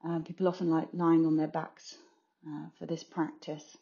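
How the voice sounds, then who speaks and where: A meditation guide and consultant soothingly leads a yoga nidra meditation in short phrases separated by gaps. Her deep, warm voice is delivered flatly at a moderate pace, and the session recording sounds slightly muffled.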